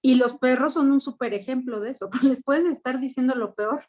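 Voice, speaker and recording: A woman's voice: high-pitched, brisk, a little mellow. A woman with a Mexican accent, a student joining a class discussion and chatting through her examples. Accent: Mexican Spanish. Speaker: student in a study group.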